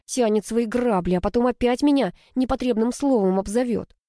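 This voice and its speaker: A woman's voice: fairly high pitch, normal speed, warm tone, no echo, clean studio sound, voice pushed up, close to an everyday voice. A woman voicing a sulky, sarcastic young female student who grumbles and whines. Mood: grumbling.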